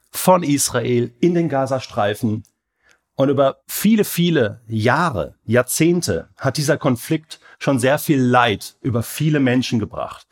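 Measured German podcast host. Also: male voice, medium pitch, husky. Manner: measured, questioning interviewer. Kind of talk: interview podcast.

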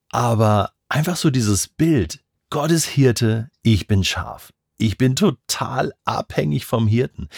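A man's voice: medium pitch, darkish tone, no room sound, studio quality. A man in a devotional Bible discussion, reflecting personally on a psalm with emphatic repetition. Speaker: Bible study speaker.

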